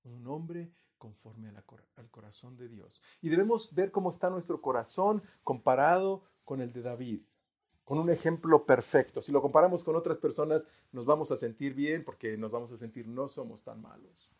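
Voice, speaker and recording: A man preaching a sermon as pastor, earnest, often restarting phrases, his voice rising and then dropping quiet. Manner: earnest, pauses and restarts, voice swells then sinks low.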